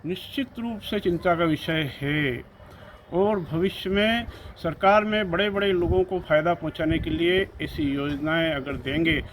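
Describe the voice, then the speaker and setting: Male guest, high pitch, emphatic and insistent, light background noise. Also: a little slow. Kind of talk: political discussion.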